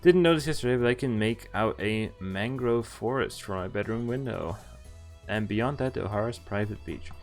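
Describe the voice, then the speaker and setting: A video game streamer reads a visual novel's text aloud over game music, his voice fairly low and his pace moderate. He keeps it informal and jokey, stumbling over lines now and then while tossing in casual asides.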